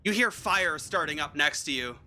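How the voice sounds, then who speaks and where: A man's voice: fairly high pitch, expressive, normal speed, bright, forceful tone, a little hiss or hum. A man narrating as game master of a tabletop game, often restarting mid-sentence as he describes scenes. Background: faint music.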